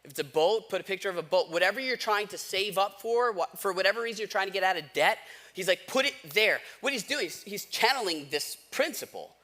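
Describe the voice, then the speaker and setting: An American pastor in his thirties preaches in a casual, conversational way, using everyday slang, telling personal stories and asking his listeners questions. His voice is a little high for a man, very bright and forceful, and he talks fast and animatedly.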